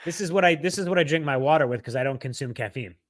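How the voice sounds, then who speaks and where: A man co-hosting a podcast, talking casually with a deadpan, wry humor. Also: a little high, rapid-fire. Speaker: podcast co-host. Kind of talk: casual conversation.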